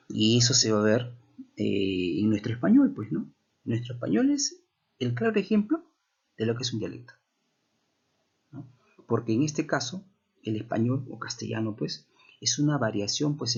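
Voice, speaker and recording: A man's voice: medium pitch, creaky, darkish tone, husky, dull audio. A man teaches a language class, explaining step by step and often checking in with rhetorical questions.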